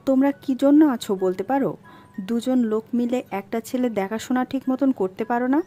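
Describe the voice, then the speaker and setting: A woman's voice: fairly high pitch, moderate pace, dark tone, faint music behind. A woman doing a brusque, irritable village landowner. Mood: irritated. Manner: curt, impatient questioning. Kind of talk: audiobook character voice.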